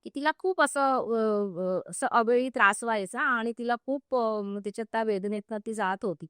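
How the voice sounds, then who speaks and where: Woman, spiritual teacher, vivid podcast storyteller; high, bright voice, dry close sound. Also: moderate pace, clean tone, dry recording. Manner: vivid, acts out quoted speech.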